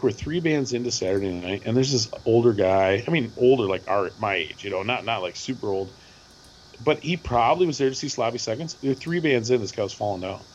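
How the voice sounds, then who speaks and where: A middle-aged man with a hoarse voice rambles through a story on a podcast. He repeats himself and gets animated as he goes. The recording sounds a bit muffled and has a faint hiss under it. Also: medium pitch. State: hoarse from screaming at a concert. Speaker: podcast co-host. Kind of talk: casual chat.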